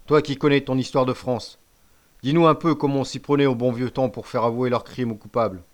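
A man voicing a fierce boy gang chief who shouts accusations and threats. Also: medium pitch, fairly even intonation, fairly quick, natural voice. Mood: stern.

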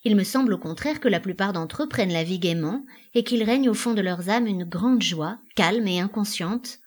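A woman reading the part of a reasonable, composed gentleman who speaks in a measured, reassuring way. Her voice stays husky and close to her own. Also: medium pitch, natural voice. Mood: reasoning. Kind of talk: dramatic play reading.

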